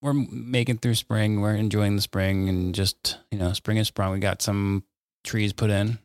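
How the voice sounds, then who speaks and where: A man with a very low voice chats casually on a podcast. He rambles through playful family stories with lots of fillers. The dry, close recording leaves no room sound at all. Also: fairly even intonation, unhurried, no room sound. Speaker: podcast co-host.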